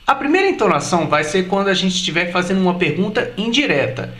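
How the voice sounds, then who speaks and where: A male teacher explains a grammar point step by step, with a high and very animated voice. He slows right down to say each example phrase carefully. The recording carries a noticeable room echo. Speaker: English teacher. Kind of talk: explanatory video lesson.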